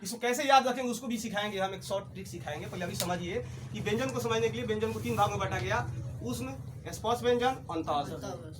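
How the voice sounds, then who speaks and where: A male teacher runs a lesson, firing questions at the class and waiting for the answers. His voice sits high for a man. The recording is a noisy one made in a classroom. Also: quick pace. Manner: drills the class with call-and-response questions. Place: classroom with students.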